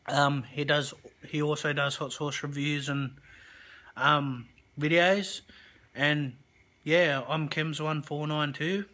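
A man's voice: fairly high pitch, steady tone, slow pace, long pauses, pushed and bright. A man in his twenties hosting a casual hot sauce review vlog, chatty, upbeat and unscripted. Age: 20s.

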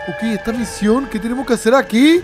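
A man hosting his channel, excitedly reacting to a game trailer and talking to his viewers as friends. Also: very high-pitched, a little fast, over music. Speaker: YouTuber host.

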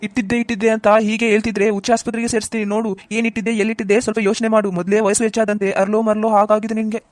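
A teasing old father-in-law in a comedy cartoon, voiced by an actor. He grumbles in a flat, rapid-fire delivery, close and dry. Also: mid-range voice, no room sound, natural voice. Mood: grumbling. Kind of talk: cartoon voice acting.

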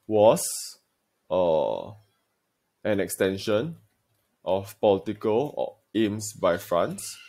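Addressing his students directly, a male secondary school history teacher lectures deliberately and emphatically in a recorded video lesson. His lowish voice is a little mellow.

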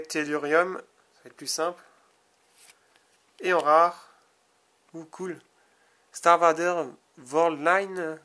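A young man from France casually commenting while opening a box of trading cards, reading card names slowly with small asides. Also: fairly high pitch, bright, forceful tone. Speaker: card-opening video host.

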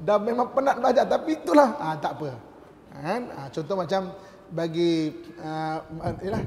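A man with a Malaysian Malay accent giving a religious lesson in a conversational way, often checking with his students and reciting verses slowly to demonstrate pronunciation. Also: extremely high pitch. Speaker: religious teacher. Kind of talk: classroom religious lecture. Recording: echoey hall with faint noise.

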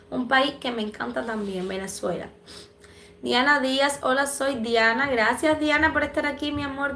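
Reading viewer comments live from a small room, this young Cuban and Dominican host is chatty and affectionate, laughs a lot, and is slightly stuffy from allergies. She has a high, bright voice with a forceful tone, picked up by a phone camera held at arm's length, sounding roomy with a little hiss or hum.

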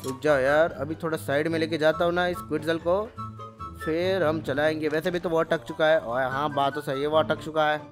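A man with a fairly high voice calls out gameplay in loud, rowdy commentary. He teases and shouts at the dinosaurs in street slang, with faint music playing under him. He talks into a headset mic at a home setup. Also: fairly even intonation, a little fast. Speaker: gaming YouTuber. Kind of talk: excited gameplay commentary with banter.

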